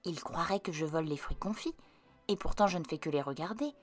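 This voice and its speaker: A woman's voice: medium pitch, expressive, normal speed, pushed and bright, faint music behind. A woman reading a storybook aloud and voicing a greedy, fretful little girl. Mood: scheming.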